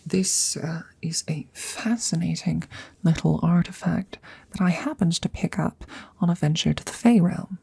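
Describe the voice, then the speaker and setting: For an ASMR fantasy roleplay, a woman gives full character voice to a polite, eccentric she-dragon, her lowish tone proud and wondering. She coaxes in a soft, breathy whisper with formal, halting phrasing.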